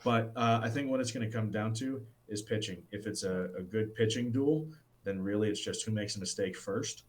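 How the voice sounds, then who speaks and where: A man co-hosting a casual sports podcast, talking with lots of fillers and restarts and getting excited about baseball. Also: lowish voice, moderate pace. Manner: rambling, many fillers and restarts. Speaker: podcast co-host.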